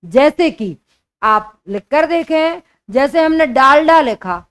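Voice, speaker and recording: Woman teacher, young adult, high voice, unhurried delivery, patient repetition of key points, exam-prep grammar lesson. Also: lively intonation, a bit bright. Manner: slow, explanatory, repeats key points.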